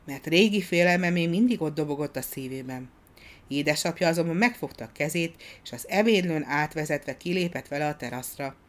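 A woman narrating a story aloud in an expressive, measured way. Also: low-pitched. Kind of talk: audiobook narration.

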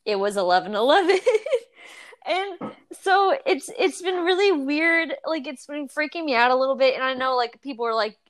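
Chatty young woman, highish voice. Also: lively intonation, normal speed. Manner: rambling, full of "like" and restarts. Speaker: podcast co-host. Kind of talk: casual chat.

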